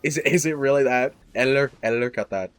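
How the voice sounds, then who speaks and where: A young man hosting a casual podcast chat, rambling and self-deprecating with sudden loud exclamations. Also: mid-range voice, a little fast, smooth, no echo. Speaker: podcast host.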